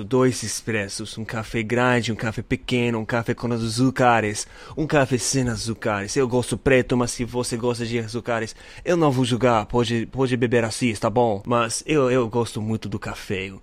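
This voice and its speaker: A man with a clear American accent, a native English speaker, talks in Portuguese as a solo podcast host. His phrasing is simple, like a learner's, and he repeats himself for emphasis in a casual, motivational monologue. The sound is dry, with a mid-range voice. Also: mid-range voice, dry recording. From United States.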